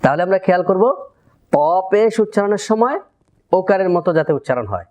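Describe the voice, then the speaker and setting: A man teaching Quran pronunciation in a methodical tajweed lesson, repeating syllables deliberately for learners to copy. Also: high voice, lively intonation, darkish tone. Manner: drills letter sounds, repeats syllables deliberately.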